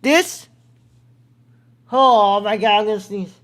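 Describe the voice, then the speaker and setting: A man's voice: high-pitched, slow pace, a bit bright. A young man hosting a casual film review podcast, rambling with many fillers and slang like "bro.". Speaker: podcast host.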